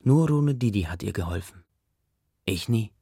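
Male narrator, gravelly, husky, low voice, dry close mic, quiet audiobook reading. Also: animated, moderate pace, dry recording.

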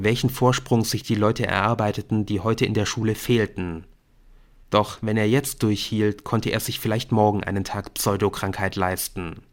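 Low-voiced male audiobook narrator. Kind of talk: scripted narration of a novel.

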